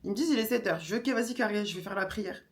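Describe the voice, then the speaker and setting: A young woman vlogger, telling a story in a casual, animated way and acting out the others. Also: mid-range voice, very fast. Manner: animated, slangy, acts out voices of others.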